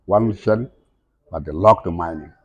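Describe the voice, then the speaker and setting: A man's voice: low voice, measured pace, slightly rough, no echo, muffled recording. A middle-aged man speaking emphatically in broken, non-native English, repeating his points as an interviewee. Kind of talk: impassioned conversational speech.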